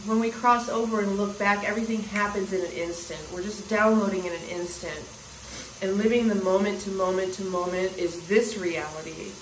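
A spiritual vlogger in her forties talks earnestly into her phone camera in a small bathroom, musing and restarting her thoughts in a casual monologue. Her mid-range voice sounds scratchy, and she keeps clearing her throat, while the room adds a roomy echo and faint hiss.

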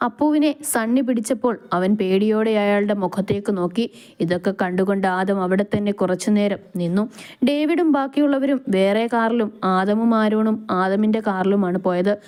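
A woman reads a romantic short story aloud at a calm, steady pace. Her voice is mellow and dark. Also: mid-range voice, clear, resonant tone. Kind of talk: scripted story narration.

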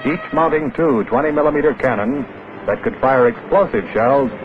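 A man's voice: mid-range voice, moderate pace. A man narrating a 1940s newsreel in a dramatic, emphatic announcer style, heard as an old film recording. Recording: tinny lo-fi old film sound with music.

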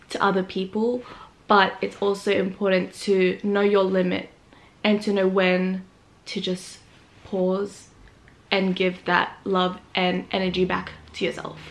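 This young woman chats straight into a nearby camera from her bedroom, easygoing and talkative. She leans on fillers like "like" and "literally" and laughs between thoughts. The voice sits at an ordinary pitch for a woman. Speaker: vlogger. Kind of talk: casual chat to camera. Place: small bedroom indoors. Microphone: camera in front of her face.

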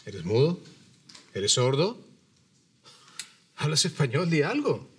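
A man's voice: on the high side, huge pitch swings, slow pace, a little hiss or hum, full character voice. An actor playing an older, commanding businessman in a telenovela, pressing others impatiently. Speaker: wealthy businessman and boss. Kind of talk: telenovela acting.

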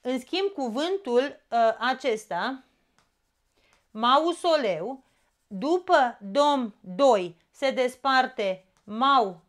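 A woman with a Romanian accent teaching an exam-prep grammar lesson, explaining step by step and often checking in with a quick "da?". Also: high-pitched, lively intonation.

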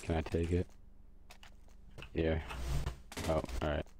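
A man streaming a team shooter, chatting casually with teammates and making quick, laid-back strategy calls. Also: a bass voice, monotone, noisy background. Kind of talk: casual gaming chat with teammates. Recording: game gunfire loud behind voice.

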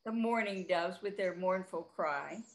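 A woman's voice: on the low side, measured pace, heavy background noise. A middle-aged woman, giving a chatty, informal talk on identifying birds, with frequent restarts. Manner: chatty, with frequent restarts and playful bird imitations. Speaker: birding presenter.

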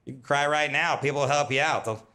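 A man's voice: mid-range voice, quick pace. A man doing a stand-up comedy set on a club stage, talking in a wry, conversational way into a handheld mic. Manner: wry, conversational, jumps to loud put-on whines.

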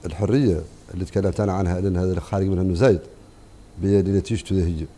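Mauritanian man, panel guest, rapid, insistent, low and mellow, faint room noise. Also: fairly even intonation. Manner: fast, insistent, interjects "hnini" to hold the floor. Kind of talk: panel debate on television.

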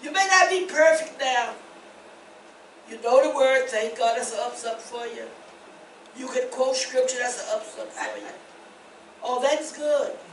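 High-voiced preaching woman in a church. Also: unhurried, long pauses, slight background noise. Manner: preaching testimony, rising to shouts, laughs. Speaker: pastor. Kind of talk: sermon. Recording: echoey church from far off.

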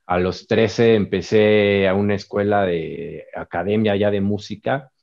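Recorded in his indoor home music studio over dull, lo-fi video-call audio, a musician in his forties from Mexico City tells his story as an interview guest. He has a Mexico City Spanish accent and a low-leaning, gravelly, darkish voice with a steady tone and unhurried pace, and he keeps things easygoing with plenty of fillers and tag questions.

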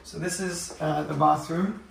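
Young guy walking through his house chatting, bit high voice, kinda gravelly. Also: a little slow, noisy background. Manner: relaxed, chatty, many fillers, walking while talking. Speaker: vlogger giving a home tour. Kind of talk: casual chat. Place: indoors, modern house, moving room to room. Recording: echoey rooms, slightly distant mic.

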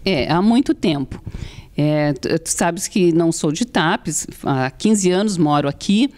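A woman's voice: lowish voice, lively intonation, unhurried, a little mellow. A middle-aged woman with a southern Brazilian gaúcho accent, talking as a guest in an interview. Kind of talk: conversational interview talk. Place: small indoor TV studio. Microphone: handheld microphone.

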